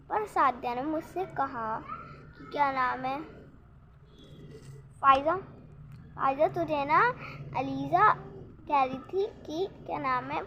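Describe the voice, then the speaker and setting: A young woman vlogger telling a rambling, excitable story about her day in casual chat. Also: high-pitched, highs cut off, a little hiss or hum. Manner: rambling, restarts often, excitable retelling.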